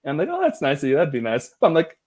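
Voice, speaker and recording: A man hosting a language-learning livestream, chatting in a relaxed, rambling way and laughing easily. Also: a little high, racing. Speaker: livestream host. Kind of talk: casual livestream chat.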